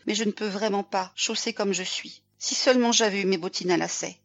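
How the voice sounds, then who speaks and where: A woman reading aloud voices a gentle, polite noblewoman who speaks kindly. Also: mid-range voice, fairly even intonation, a little fast, dull audio, lightly acted. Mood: apologetic. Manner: gentle, apologetic.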